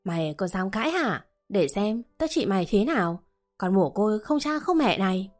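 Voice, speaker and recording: A woman's voice: mid-range voice, sing-song, normal speed, darkish tone, soft background music, natural voice. A woman voicing an abusive middle-aged man who blusters and threatens a young maid. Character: bullying middle-aged man, the mistress's partner.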